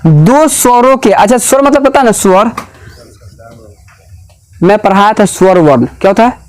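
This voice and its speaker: A man's voice: high voice, expressive, moderate pace. A man teaching a grammar lesson in a classroom, asking questions again and again and repeating the answers.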